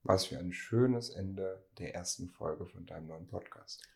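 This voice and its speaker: Low, gravelly man hosting a podcast. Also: measured pace, darkish tone. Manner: joking, laughs often. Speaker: podcast interviewer. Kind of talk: playful podcast interview.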